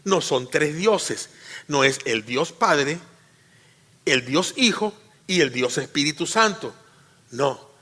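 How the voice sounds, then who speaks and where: A male pastor preaching a teaching sermon in church, repeating phrases, asking the congregation questions, and swinging between emphatic loud peaks and quiet asides. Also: fairly high pitch, expressive, slow pace, pauses often. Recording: reverberant hall.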